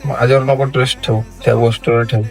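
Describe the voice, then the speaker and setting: A man keeps insisting, repeating himself in a mid-pitched, everyday voice. He talks casually in a homemade prank video, over faint background music. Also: level tone, quick pace, vocal fry, darkish tone. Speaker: husband pulling a prank.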